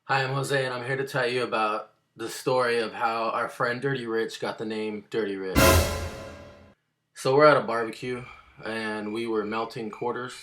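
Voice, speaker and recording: A man's voice: mid-range voice, steady tone, moderate pace, a bit bright, faint music behind. A man casually telling a rambling, slangy story to the camera, full of fillers and asides.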